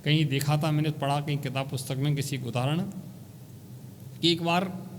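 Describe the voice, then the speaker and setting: A monk giving a sermon, telling a parable and asking the listeners questions along the way. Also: male voice, a little high, fairly even intonation, moderate pace, long reverb tail, slight background noise. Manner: storytelling, asks the audience questions.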